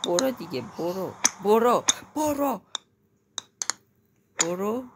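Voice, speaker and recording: A woman giving let's-play commentary, anxious and exclaiming in quick repeated words, then talking herself back to calm. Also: mid-range voice. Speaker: gamer playing a climbing game. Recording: loud clicking noise behind voice.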